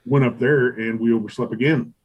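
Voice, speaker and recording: A middle-aged man, telling barbecue stories in a loose, profane interview. His voice is a bit husky and sits at an ordinary pitch for a man. He jumps into quick acted asides as he quotes himself and others. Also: fairly even intonation, muffled recording. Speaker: competition barbecue pitmaster and restaurant owner. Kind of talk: casual storytelling interview.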